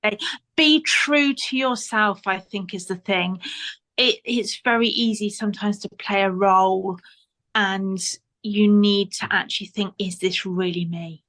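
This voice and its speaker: A woman's voice: medium pitch, steady tone, a little slow, a bit bright. A woman guest on a podcast interview, giving earnest motivational advice and repeating points for emphasis.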